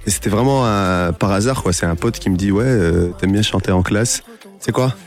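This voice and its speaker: A young man, a guest on a radio show, talking casually and relaxed, with many fillers and restarts. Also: lowish voice, moderate pace, faint music behind. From Italy. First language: Italian. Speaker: guest artist. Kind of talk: casual interview chat. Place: radio studio.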